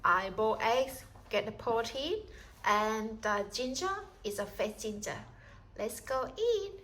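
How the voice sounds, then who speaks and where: A woman's voice: a little high, animated, slow, a bit bright, low-quality recording. A woman from Thailand with a Thai accent, casually walking through a home-cooked meal in simple broken English. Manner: simple broken English, naming dishes one by one. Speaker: cooking vlogger. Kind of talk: casual cooking and eating vlog.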